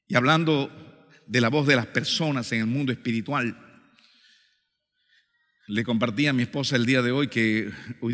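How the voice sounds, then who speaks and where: A man preaching a sermon as pastor, telling a personal story softly and then exhorting fervently, at times close to shouting. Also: mid-range voice. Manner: fervent, rising to near shouts when exhorting. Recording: hall with long reverb.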